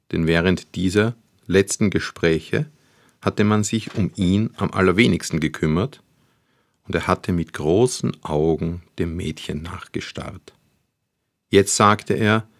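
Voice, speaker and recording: Deep-voiced man reading a novella. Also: gravelly, no echo, studio quality. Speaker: audiobook narrator. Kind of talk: literary narration.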